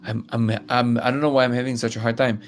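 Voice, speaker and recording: A man's voice: medium pitch, little pitch movement, fast. A man from Russia hosting a live stream, reading comments aloud and talking bluntly with frequent restarts.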